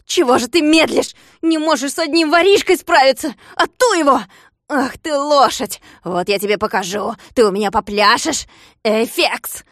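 A woman reads a storybook, voicing a bald, rich male landowner who is shrieking with fury, ranting and screeching bossy orders and insults. Her own voice is medium-pitched with a steady tone, normal speed, and hardly any pauses. The clean studio recording has no room sound, and the performance is lightly acted.

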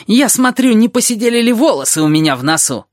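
A reader voicing an irritable, sharp-tongued female teacher who rants in indignation, in an audiobook. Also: mid-range voice, very animated, fast talker, no room sound, clean studio sound, pitched above the performer's own voice, lightly acted. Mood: indignant. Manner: indignant, fuming. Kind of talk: audiobook character voice.

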